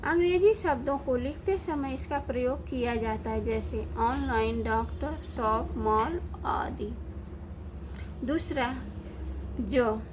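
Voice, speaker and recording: A woman teaching a lesson, asking questions and answering them herself in a slow, deliberate way. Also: fairly high pitch, background noise. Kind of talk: Hindi grammar lesson.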